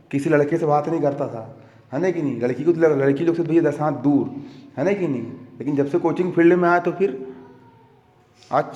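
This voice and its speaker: In an echoey classroom with long reverb, a young man with a fairly high, slightly mellow voice lectures his coaching class. He keeps things chatty and jokey, frequently checking in with students.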